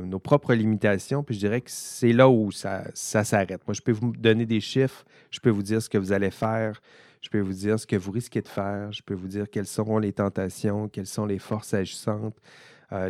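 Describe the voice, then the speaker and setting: A man's voice: on the low side, a little mellow, no room sound, studio quality. A man, an ethics professor giving an informal recorded lecture, thinking aloud and speaking directly to his students.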